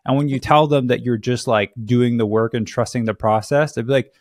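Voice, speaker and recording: A young man hosting a podcast, with a mid-range voice that is upbeat and encouraging. He speaks close to a studio microphone on a boom arm, and the sound is dry, with no room echo at all. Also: fairly quick. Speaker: podcast host. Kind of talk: casual interview chat. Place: studio with neon sign.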